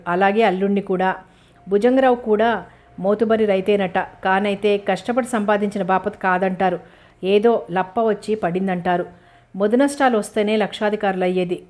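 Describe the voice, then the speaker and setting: A woman's voice: mid-range voice, a little mellow, natural voice. A woman doing a sneering, scheming village man. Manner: gossiping, sneering. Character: scheming spiteful middle-aged village man.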